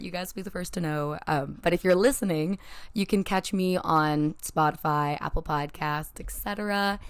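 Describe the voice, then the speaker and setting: A woman hosting a solo podcast who talks into a microphone in an animated, rambling way and swears casually. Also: on the low side. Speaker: podcast host.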